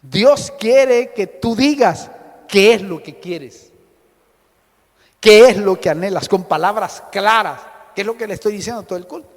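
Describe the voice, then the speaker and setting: A man preaching a sermon as pastor, impassioned, swinging between loud exhortation and hushed asides. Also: high-pitched, a little slow. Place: church hall. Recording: long reverb with faint music, church hall.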